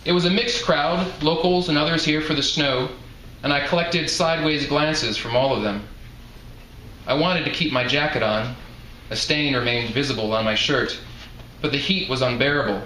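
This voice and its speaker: At a live indoor reading, a man reads first-person narration aloud from his own novel. His mid-range voice moves at normal speed and sounds pushed and bright. The room is echoey, with faint background noise.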